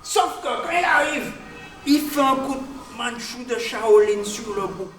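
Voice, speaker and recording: A man, telling a folk tale live with call-and-response, animated and chanting, teasing his listeners. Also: very high-pitched, a little slow, faint music behind. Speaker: storyteller. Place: large museum hall. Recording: echoey hall from far off.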